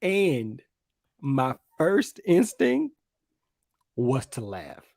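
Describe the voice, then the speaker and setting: A man from the American South with a Southern accent, co-hosting a podcast and recapping scenes in a relaxed, casual way. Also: medium pitch, extremely slow, gravelly, no room sound. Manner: laid-back storytelling, recaps scenes with quoted lines. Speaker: podcast co-host. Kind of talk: casual chat.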